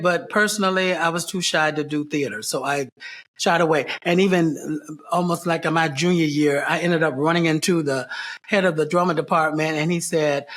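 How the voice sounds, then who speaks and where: High-voiced guy, theater founder being interviewed, thoughtful, tells it like a story with lists of repeated phrases. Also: a bit bright. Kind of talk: casual interview.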